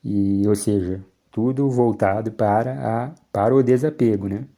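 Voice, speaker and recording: A man's voice: fairly low pitch, unhurried, mellow. A man, a psychologist giving an explanatory lecture and checking in with frequent tag questions.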